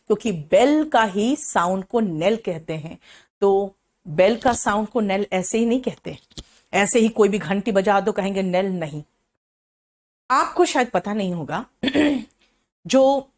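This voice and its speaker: Chatty Indian teacher woman, slightly high voice. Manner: explains in chatty Hindi, mixing in English phrases, with frequent "है ना?" check-ins; reads English definitions slowly and deliberately. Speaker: English teacher. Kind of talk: classroom vocabulary lesson.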